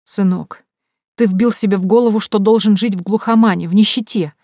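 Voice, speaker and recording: A woman's voice: fairly low pitch, normal speed, dark tone, no room sound, clean studio sound. A woman reading an audiobook, voicing a stern, domineering middle-aged mother who scolds her grown son in an imperious way. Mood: scolding.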